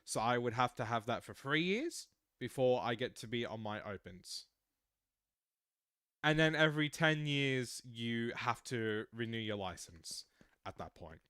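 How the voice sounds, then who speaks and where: While gaming on a livestream, this Australian guy in his mid-twenties talks casually and explains things at length, often restarting. His mid-range voice has lively intonation and a measured pace, sounding pushed, bright, and clean, with clean studio sound and no echo.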